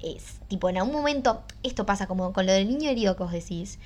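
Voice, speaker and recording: A woman's voice: mid-range voice, animated, fast talker. A young woman with a Rioplatense Spanish accent, co-hosting a casual podcast and talking in a rambling, reflective way full of fillers. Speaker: podcast co-host. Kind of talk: casual chat.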